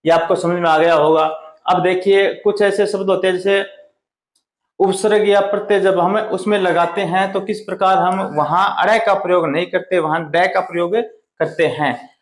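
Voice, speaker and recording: A man teaching a Hindi grammar lesson at the board, asking questions and answering them himself, slowing down hard on key words. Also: high voice, steady tone, roomy sound. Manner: drawn out slow on key words.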